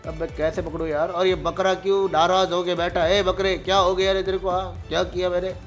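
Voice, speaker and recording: A man giving playful gameplay commentary, excitable and joking, with frequent exclamations. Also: sits high, brisk, faint music behind. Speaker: gamer.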